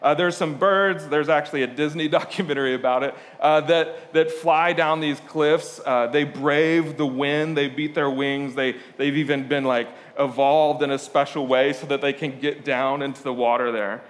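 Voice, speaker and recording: A man's voice: a little high, steady tone, normal speed, hardly any pauses, long reverb tail. A man from Portugal preaching a sermon, talking in a conversational, storytelling way with frequent "uh" fillers and asides. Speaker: pastor.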